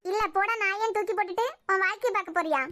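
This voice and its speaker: A woman's voice: extremely high pitch, very fast, pushed and bright. A woman voicing a blunt, protective young friend in a cartoon series, lecturing firmly with a Kanyakumari Tamil accent. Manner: firm, lecturing.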